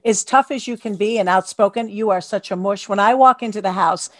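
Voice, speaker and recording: A woman's voice: mid-range voice, brisk, no room sound. A woman hosting a podcast over a video call, talking in a gushing, upbeat way. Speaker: podcast host. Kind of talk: casual interview chat.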